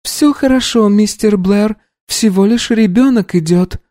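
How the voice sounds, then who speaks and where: A woman voicing a brisk, practical housekeeper acting as midwife, firm and soothing in a dry studio reading. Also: mid-range voice, warm tone, no echo, close to an everyday voice. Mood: calm, firm. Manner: firm, soothing, matter-of-fact. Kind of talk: audiobook reading.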